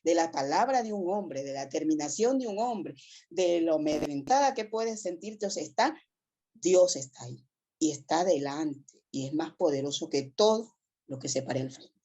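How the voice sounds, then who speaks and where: Woman, low husky voice, dark tone, earnest faith testimony. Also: expressive, normal speed. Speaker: class participant. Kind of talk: personal testimony in a Bible study class.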